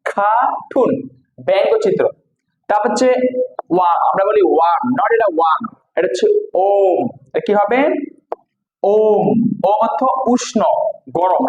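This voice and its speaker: A man from Bangladesh teaches pronunciation to his viewers. He says each word slowly several times and keeps asking them questions. The sound is dull and lo-fi, in a roomy space. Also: sits high, darkish tone, a little hiss or hum. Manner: repeats words slowly, quizzes viewers. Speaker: English teacher. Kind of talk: spoken pronunciation lesson.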